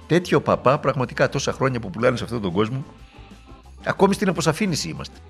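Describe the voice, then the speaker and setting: A man's voice: medium pitch, big pitch swings, faint music behind. A man giving a political speech in a sarcastic, rhetorical, mocking manner.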